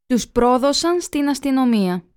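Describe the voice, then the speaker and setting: A woman reading a language lesson aloud, slowly and clearly, sentence by sentence. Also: high voice, lively intonation, darkish tone. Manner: slow, clear dictation of sentences.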